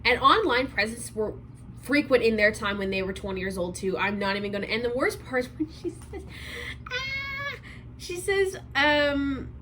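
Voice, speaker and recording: A twenty-year-old woman giving a sarcastic commentary vlog, rambling fast and correcting herself as she goes. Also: a little high, big pitch swings, bright, forceful tone, slight background noise, rough recording. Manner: sarcastic, rapid rambling with restarts. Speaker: commentary YouTuber.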